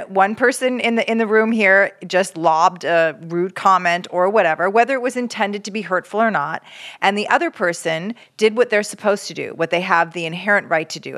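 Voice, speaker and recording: A woman's voice: mid-range voice, a bit bright. A woman hosting a casual talk on relationships, explaining things step by step with frequent restarts. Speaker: podcast host giving relationship advice. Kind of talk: casual conversation.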